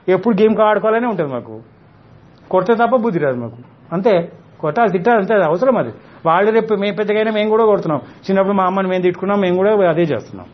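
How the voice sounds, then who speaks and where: A man giving a spiritual talk, scolding his listeners with rhetorical questions and English words mixed in. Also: high-pitched. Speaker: spiritual teacher. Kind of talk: spiritual discourse to an audience. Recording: dull lo-fi recording.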